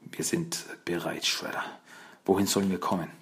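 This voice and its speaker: A man voicing a calm, brainy young male turtle in an audiobook, speaking in a slow, hushed way. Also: low-pitched, breathy edge. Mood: hushed careful.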